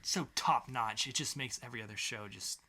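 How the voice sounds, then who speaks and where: Over crowd noise, a man talks fairly quickly at medium pitch. As co-host of a laid-back comics podcast, he reviews comics with sarcasm laid on thick in a theatrical, mock-grandiose way.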